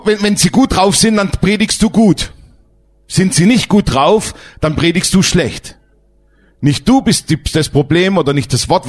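A man preaching a sermon as pastor, emphatic and lively, asking his congregation questions. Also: on the high side.

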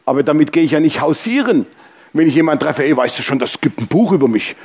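A man preaching a sermon, telling lively personal stories and acting out the dialogue. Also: a little high, quick pace, breathy edge. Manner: lively storytelling, acts out dialogue. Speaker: pastor.

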